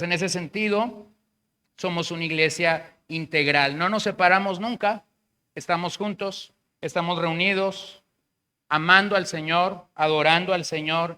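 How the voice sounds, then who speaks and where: With a high, bright voice that is smooth yet forceful, a man with a Mexican Spanish accent preaches as a pastor. He keeps the sermon conversational, acting out what the people he quotes said.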